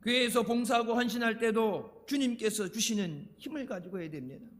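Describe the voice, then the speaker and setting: A man's voice: extremely high pitch, fairly quick, a bit bright. An older man from Chungcheong preaching a sermon, telling chatty anecdotes and laughing at his own stories. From Chungcheong, Korea. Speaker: pastor. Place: church sanctuary. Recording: echoey church hall reverb.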